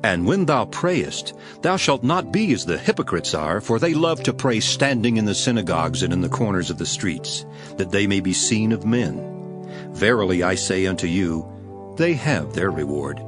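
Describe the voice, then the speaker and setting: Over music, a low-pitched actor with lively intonation portrays a solemn, commanding preacher in a dramatized King James Bible reading. His delivery is measured and emphatic.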